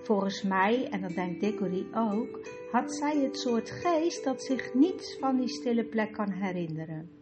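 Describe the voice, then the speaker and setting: A woman's voice: mid-range voice, expressive, measured pace, hardly any pauses. Woman narrating a storybook. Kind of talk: audiobook reading. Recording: dull lo-fi with guitar music.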